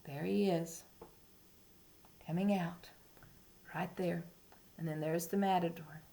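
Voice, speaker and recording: A woman's voice: lowish voice, steady tone, moderate pace, gravelly, dark tone. A woman reading a storybook to small children, as to a toddler, expressively, with simple coaxing questions to the listeners. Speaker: teacher reading a picture book to young children.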